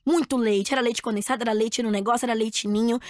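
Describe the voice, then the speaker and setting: A Brazilian woman chatting as a podcast guest, telling an animated story and acting out what people said. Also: on the high side, fast, no echo, clean studio sound. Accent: Brazilian Portuguese. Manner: animated storyteller, acts out quotes. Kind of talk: casual chat.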